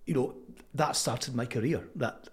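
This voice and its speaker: Older Scottish man with a Fife accent. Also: medium pitch. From Fife, Scotland. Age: 70s. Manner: halting, thoughtful, with frequent pauses. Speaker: interview guest. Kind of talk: reflective conversational storytelling.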